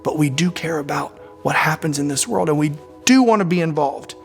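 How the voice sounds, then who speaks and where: Male pastor, high-pitched, animated call-and-response preaching. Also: brisk, vocal fry, faint music behind. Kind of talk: sermon.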